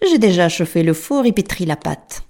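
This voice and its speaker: A woman voicing a wicked, impatient old witch who barks loud scolding commands. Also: fairly low pitch, lively intonation, normal speed.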